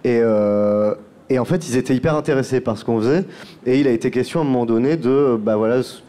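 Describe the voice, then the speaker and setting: Mellow-voiced man explaining at length. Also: medium pitch, fast talker. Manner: talkative, restarts phrases often. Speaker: podcast producer. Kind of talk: round-table discussion.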